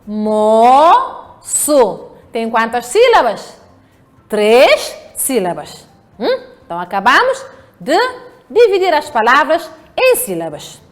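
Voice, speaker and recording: A woman teacher with a European Portuguese accent, giving a slow, patient lesson to children and often checking that they follow. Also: sits high, huge pitch swings. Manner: slow, patient, checks understanding with rhetorical questions. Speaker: primary school teacher. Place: home.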